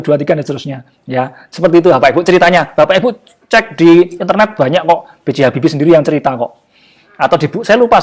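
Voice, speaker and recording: Chatty, fairly high-voiced man. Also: darkish tone. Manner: chatty and jokey, often searching for words with fillers. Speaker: online class speaker. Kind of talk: casual motivational talk to a live online audience.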